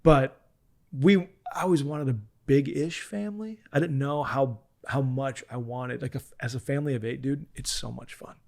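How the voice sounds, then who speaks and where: A man in his forties, a pastor talking as a guest on a podcast, telling stories earnestly with frequent restarts and soft asides. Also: mid-range voice, normal speed, creaky. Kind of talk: casual interview chat.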